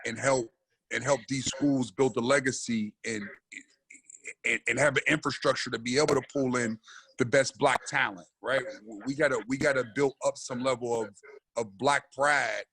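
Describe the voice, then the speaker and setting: A man speaking from home in a casual panel discussion over a remote call, halting and repeating words as he goes. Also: mid-range voice, a bit bright, rough recording. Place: at home on backup generator power.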